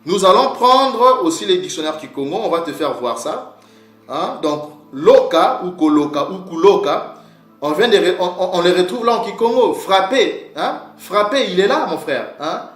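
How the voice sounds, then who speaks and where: High-voiced man teaching, echoey room. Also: lively intonation, moderate pace, fairly bright tone, soft background music. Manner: repeats "mon frère", asks and answers his own questions. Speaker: teacher of word origins. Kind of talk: informal lesson.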